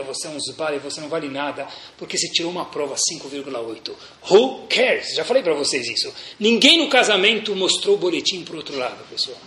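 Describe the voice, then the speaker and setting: An animated man delivers a religious lecture, telling stories and turning to his listeners with direct questions. His voice sits high and swings widely up and down, and the room around him is echoey. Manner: animated, anecdotal, addresses audience directly. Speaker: rabbi teaching a Torah class. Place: room with a seated audience.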